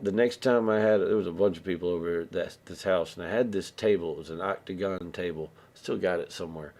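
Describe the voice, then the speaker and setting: A man's voice: low-pitched, dark tone. A man hosting a live stream, telling a long story in a loose, rambling way, with restarts and acted-out bits of dialogue. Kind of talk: casual storytelling.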